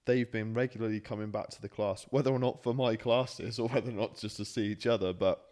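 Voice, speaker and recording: Low-voiced man in his thirties, chatting casually. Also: steady tone, quick pace, a little mellow. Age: 30s. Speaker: podcast co-host, fitness class instructor. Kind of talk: casual unscripted podcast chat.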